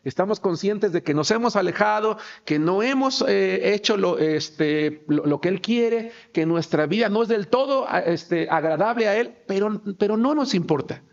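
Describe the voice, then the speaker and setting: Pastor guy preaching, kinda high gravelly voice, lots of rhetorical questions, dull lo-fi recording. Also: lively intonation, normal speed, few pauses. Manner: emphatic, asks the congregation rhetorical questions. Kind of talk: sermon.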